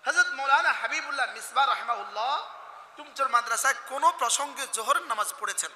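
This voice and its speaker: A male preacher delivers a sermon in a very high, piercing voice. He quizzes his listeners and climbs into impassioned shouting. The sound carries a long, roomy echo, as if over a public address system at a large gathering. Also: fast talker. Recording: echoey hall-like reverb from a PA.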